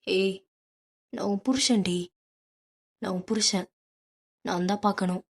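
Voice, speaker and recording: A woman's voice: mid-range voice, measured pace. A woman voicing a possessive, hot-tempered rich young man in an audiobook, speaking bluntly and insistently. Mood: heated, insistent. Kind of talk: audiobook character reading.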